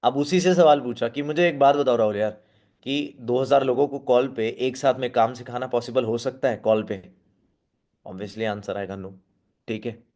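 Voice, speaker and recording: A man's voice: medium pitch, normal speed, a little mellow, lo-fi sound. A man giving a spoken sales-skills training to a seated audience, coaching and often checking in with 'okay?'. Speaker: team trainer.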